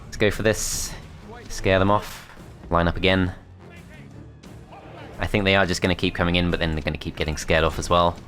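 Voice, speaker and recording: A man's voice: deep voice, little pitch movement, normal speed, a bit bright, soft background music. A man commentating his strategy game as he plays, thinking aloud in a tentative, self-critical way. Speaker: gameplay commentator.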